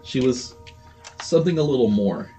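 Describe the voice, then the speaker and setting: A man voicing a worried older male caretaker of an orphanage, who speaks haltingly and repeats words. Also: mid-range voice, expressive, dark tone, soft background music, pitched above the performer's own voice, natural voice.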